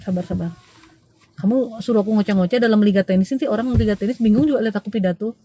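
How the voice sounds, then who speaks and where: A woman's voice: mid-range voice, racing, mellow, no room sound. A woman with a Balinese Indonesian accent, hosting a live stream as a spiritual healer in a chatty, teasing way and calling viewers dear. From Bali, Indonesia. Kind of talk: casual live-stream chat.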